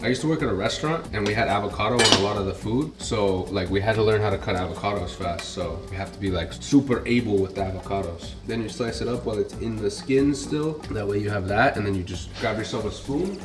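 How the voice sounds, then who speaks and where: A young man with a stuffed-up nose talks fast, with few pauses and a low voice, while cooking in his home kitchen for a casual vlog. He chats and curses, dropping Spanish food words, over music, with a sizzling pan and other cooking noises clearly audible behind him.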